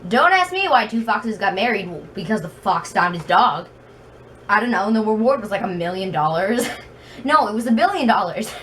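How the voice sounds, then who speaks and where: Recorded on a distant mic in a bedroom where a fan is running, a video blogger tells casual, rambling stories that poke fun at herself. Her voice is mid-range and a bit bright, with a very slight lisp.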